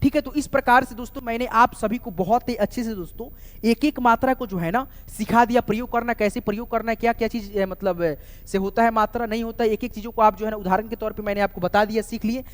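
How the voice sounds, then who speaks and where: A man's voice: high voice, fairly even intonation, quick pace, in a large hall. A man teaching a casual spoken lesson, spelling words out letter by letter and calling his viewers friends over and over. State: sweating from heat. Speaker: online English teacher.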